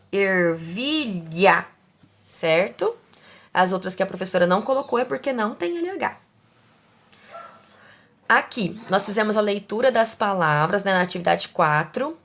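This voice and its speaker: A woman teacher speaking slowly and carefully, sounding out words syllable by syllable for young pupils and asking them questions. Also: medium pitch, a bit bright. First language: Portuguese. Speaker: primary school teacher. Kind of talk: slow, careful classroom instruction.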